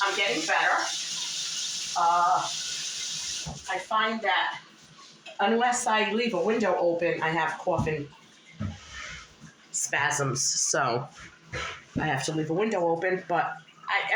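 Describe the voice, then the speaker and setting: Casual home-cooking host: woman, slightly winded, homely and conversational, lively intonation over noticeable background noise. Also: fairly low pitch. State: slightly short of breath, recovering from illness. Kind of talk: casual cooking demonstration to viewers. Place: indoors at home, in a kitchen. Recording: roomy echo, clear background noise.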